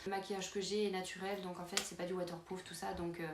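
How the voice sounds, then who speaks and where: A woman's voice: fairly low pitch, little pitch movement, fast. Chatty woman vlogger in a roomy space. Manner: chatty, many fillers and restarts. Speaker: beauty vlogger. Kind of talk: casual product walkthrough. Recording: roomy with faint background noise.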